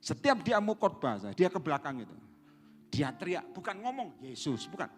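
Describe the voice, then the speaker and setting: Pastor, male, animated sermon delivery, slightly high voice, long hall reverb, soft music underneath. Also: normal speed, slightly rough. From Indonesia. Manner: lively preaching, calls to the congregation.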